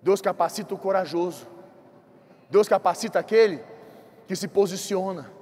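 A bishop with a Brazilian Portuguese accent preaches a sermon in an impassioned, repetitive style, rushing ahead in quick bursts and then slowing for emphatic drops. His voice is high-pitched, darkish, and a bit breathy, with long reverb from the church hall.

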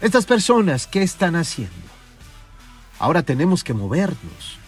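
A man's voice: on the high side, sing-song, normal speed, slightly rough, soft background music. A man hosting a podcast, delivering a profane, scolding motivational rant and mocking his listeners. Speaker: podcast host. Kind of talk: ranting motivational monologue.

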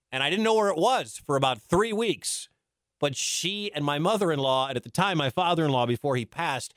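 A man's voice: medium pitch, a bit bright, no echo, studio quality. A man hosting a sports radio show, telling stories in a chatty, casual way and laughing often. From Detroit, grew up in Wisconsin. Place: radio studio.

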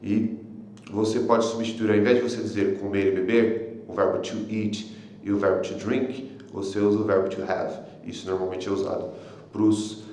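A man with a Brazilian Portuguese accent teaching an online language lesson, often pausing on filler sounds and checking in with tag questions. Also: fairly low pitch, level tone, dark tone, very echoey. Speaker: English teacher.

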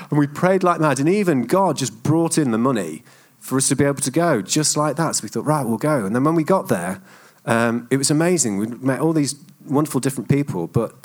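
A middle-aged man preaches from the front. He tells long personal anecdotes in a chatty, self-deprecating way. His voice sits at an ordinary pitch for a man. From England. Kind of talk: sermon storytelling.

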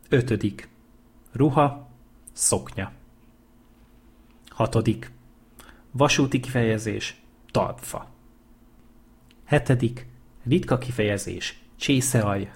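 A man reading dictionary entries aloud in a measured, list-like way. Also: fairly low pitch. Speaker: dictionary reader.

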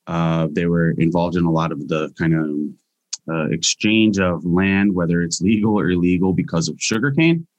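A man's voice: sits low, normal speed, darkish tone, no room sound, muffled recording. A young Hawaiian man answering interview questions casually as a guest scientist, with frequent restarts and fillers.

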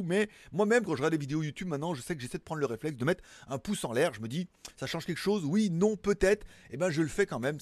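Man, slightly high voice, rambling casual tech chat, dry close mic, self-mocking. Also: dry recording. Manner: rambling, chatty, self-mocking with frequent fillers. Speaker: tech news YouTuber host. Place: home in Thailand.

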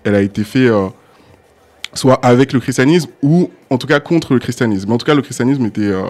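A young man speaks quickly in a relaxed podcast chat. His pitch sits in an ordinary middle range. He stumbles, repeats words and restarts sentences as he works through his thoughts. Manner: fast, halting, many restarts and repeated words. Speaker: podcast guest. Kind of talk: casual podcast discussion.

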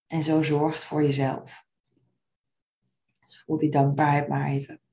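A woman guides a meditation in a soft, soothing way. Her voice sits low and stays very even, with a creaky edge at the ends of phrases. She phrases gently and without hurry. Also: a little slow.

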